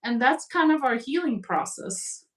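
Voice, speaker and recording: A woman in a spiritual conversation, speaking reflectively and gently, over a video call. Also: sits high, animated, measured pace, distant mic. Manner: reflective, gentle, uses imagery. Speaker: guest.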